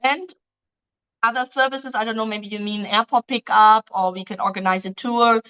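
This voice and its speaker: Her pitch is fairly high and her intonation fairly even as she moves at a normal pace, her voice a bit bright and clean though the highs are cut off. A native German speaker hosting a dating agency's casual live-stream Q&A, she reads questions aloud and replies loosely with lots of ums.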